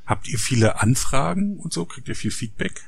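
A man hosting a casual podcast interview, talking in a relaxed, conversational way. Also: mid-range voice, normal speed, gravelly, husky, no room sound. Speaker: podcast host.

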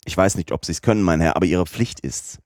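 Man reading as a cool, terse English gentleman. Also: low voice, brisk, no room sound, clean studio sound, natural voice. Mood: cold resolve. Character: stiff calm English gentleman traveler, middle-aged. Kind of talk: audiobook character voice.

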